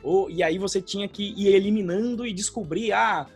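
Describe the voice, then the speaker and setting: Faint music plays behind a Brazilian man who co-hosts a laid-back podcast and also teaches programming. Speaking at a moderate pace in a high voice, he explains like a teacher and keeps tagging lines with a quick "tá?"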